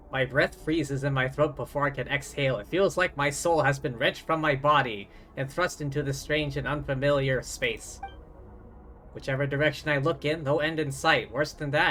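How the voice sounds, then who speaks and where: A game streamer reads dialogue and narration aloud with dramatic flair, dropping in casual asides along the way. His voice is medium-pitched with a fairly bright tone, and game music plays behind him.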